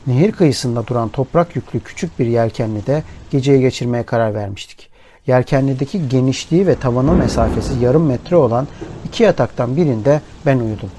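Man narrating a dark tale over rain. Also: mid-range voice, background noise. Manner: measured, grave first-person storytelling. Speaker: audiobook narrator. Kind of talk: scripted literary narration. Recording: rain and thunder ambience under voice. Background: rain and thunderstorm sound bed.

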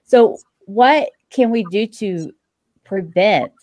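A woman's voice: mid-range voice, animated, slow pace, a little mellow, dry recording. A woman in her fifties hosting a casual interview, chatty and frank, laughing often. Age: 50s. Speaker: podcast host.

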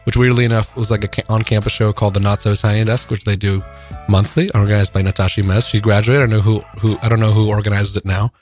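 A man's voice: on the low side, level tone, fast talker, a little mellow, faint music behind. A young man, a band's singer and guitarist, chatting in a radio studio interview, joking and restarting his sentences as he rambles through a story. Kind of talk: casual radio interview chat.

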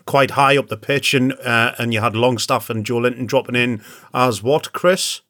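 A man's voice: mid-range voice, normal speed, fairly bright tone, no room sound, studio quality. A man hosting a football podcast, steering casual chat with tag questions. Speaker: podcast host.

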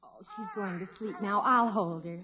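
A woman playing a protective, gently firm young mother in an old radio comedy. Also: mid-range voice, moderate pace, natural voice. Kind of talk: 1950s radio comedy acting. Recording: muffled old radio recording.

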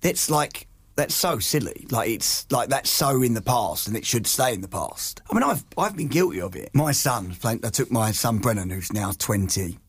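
A man, co-hosting a podcast and telling rambling, animated stories full of restarts. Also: mid-range voice, moderate pace, few pauses, breathy edge, dry recording. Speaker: podcast co-host. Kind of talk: casual chat.

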